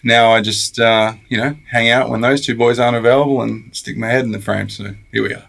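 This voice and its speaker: A man's voice: medium pitch, steady tone, brisk, vocal fry, fairly bright tone. A man with an Australian accent chatting casually as a podcast guest, joking and self-deprecating. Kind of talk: casual chat.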